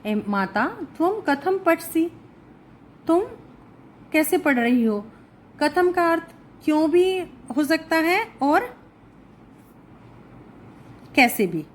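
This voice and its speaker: A woman's voice: high voice, very animated, takes it slowly, pauses often, a little hiss or hum, poor audio. A woman teacher giving a recorded lesson, reading each phrase aloud and then translating and explaining it. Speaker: Sanskrit teacher.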